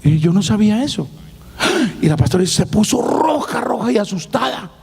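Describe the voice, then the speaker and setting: Male pastor, raspy and gravelly, high-pitched, emphatic testimony sermon in a reverberant hall. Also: animated, moderate pace, a little mellow. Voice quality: hoarse, raspy voice. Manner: emphatic, addresses listeners as brother.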